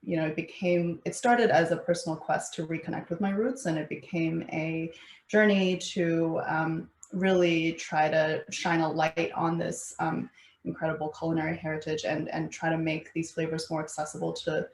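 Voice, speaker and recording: A woman founder speaking in a level, low-set voice that barely rises or falls. She talks in measured phrases with frequent pauses and fillers. Her voice carries a roomy echo. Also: steady tone. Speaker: food company founder. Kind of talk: panel interview answer. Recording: echoey room.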